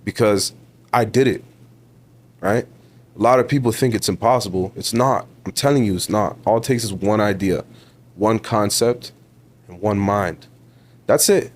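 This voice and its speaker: A podcast guest, a young man in his twenties from Ontario, Canada, with a Toronto accent, keeps things casual in the interview, calling the host bro. His voice is somewhat low, at a moderate pace with long pauses, and he sounds emphatic and motivational, repeating words for emphasis.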